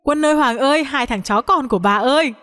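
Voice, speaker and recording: A woman's voice: fairly high pitch, animated, fairly quick, in a large hall, close to an everyday voice. A woman voicing a grandmother turned young again, bubbly and doting. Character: grandmother made young again, playful, boy-crazy.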